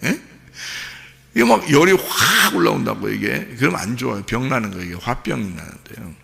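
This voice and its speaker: A man's voice: mid-range voice, very animated, a little fast, creaky, bright, forceful tone, in a large hall. A male pastor giving a sermon in a conversational way, often asking the congregation questions.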